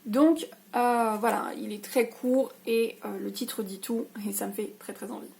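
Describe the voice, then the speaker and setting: Young woman vlogging about books, kinda high voice, chatty and hesitant, lots of ums. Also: measured pace, creaky, dark tone. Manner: chatty, hesitant, frequent fillers. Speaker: book vlogger. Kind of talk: casual reading-list vlog.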